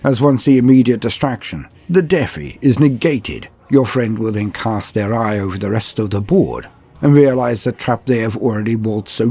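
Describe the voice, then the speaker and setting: This man hosts and narrates a tabletop wargame lore channel, reciting scripted fantasy stories with dramatic, ornate formality. His voice is lowish and a little mellow, carrying a breathy edge.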